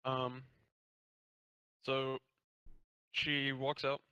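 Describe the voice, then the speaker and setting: A man's voice: mid-range voice, completely flat delivery, extremely slow, bright, forceful tone, smooth, no room sound, low-quality recording. Sweary, rambling male game master. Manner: loose, rambling, sweary narration. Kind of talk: narrating a tabletop game.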